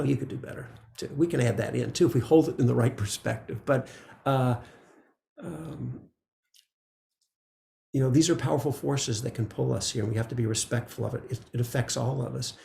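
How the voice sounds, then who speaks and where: Man, meditation teacher, gravelly voice, gentle conversational dharma talk, echoey room. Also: mid-range voice. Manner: gentle, conversational, frequent "right?" asides.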